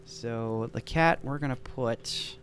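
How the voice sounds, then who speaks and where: A man's voice: mid-range voice, slow, a bit bright, faint music behind. A man casually talking through building a game scenario, thinking aloud with enthusiastic, rambling asides. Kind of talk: casual gameplay commentary.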